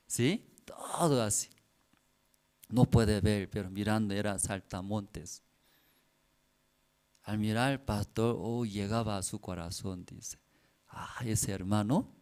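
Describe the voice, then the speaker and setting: A man's voice: medium pitch, a little mellow. A man preaching a sermon as pastor, telling a story in simple phrases and checking in with the listeners through constant tag questions.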